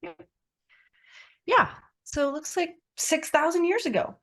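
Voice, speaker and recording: A woman's voice: extremely high pitch, animated, a little slow, a bit bright. A woman co-hosting a podcast in casual chat, laid-back, reading search results aloud and trailing off mid-thought. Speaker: podcast co-host.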